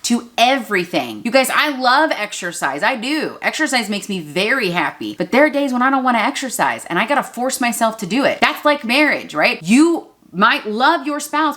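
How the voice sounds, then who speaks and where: A woman's voice: fairly high pitch, fairly bright tone. Woman in her 30s, blunt and preachy, talking straight at the camera. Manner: earnest, blunt, preachy, addresses viewers as "y'all" and "you guys". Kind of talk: direct-to-camera advice talk.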